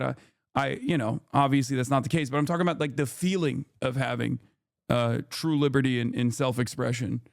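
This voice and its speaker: A man's voice: medium pitch, creaky, no echo, studio quality. A man streaming a reaction to a clip, ranting in disbelief and swearing freely. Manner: profane, incredulous ranting. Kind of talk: casual reaction commentary.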